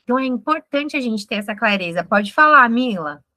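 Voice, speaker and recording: Woman trainer, 30s, frank and energetic, bright dry video-call voice. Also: fairly high pitch, fairly quick, no room sound. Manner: frank, energetic, fires off questions. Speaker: finance trainer. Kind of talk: online group class.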